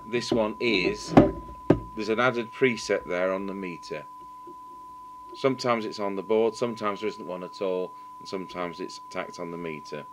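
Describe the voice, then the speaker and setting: Thinking aloud while working on something at a repair bench indoors, a UK man delivers a matter-of-fact, informal hands-on demonstration. His voice sits low and moves at a moderate pace; steady background noise fills the clearly noisy workshop camera recording.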